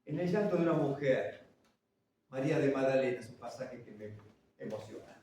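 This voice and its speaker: A man preaching a sermon, swinging between loud, urgent lines and hushed ones and putting questions to the congregation. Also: mid-range voice, lively intonation, moderate pace, a little hiss or hum. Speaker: pastor. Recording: very echoey church, from far off.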